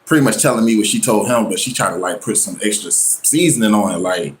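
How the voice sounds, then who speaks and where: A man's voice: animated, quick pace, a little hiss or hum. Slangy man telling a wild story. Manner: slangy, loose, full of "you know what I'm saying"; acts out quoted people with jumps in pitch. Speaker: show host. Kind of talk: casual storytelling to camera.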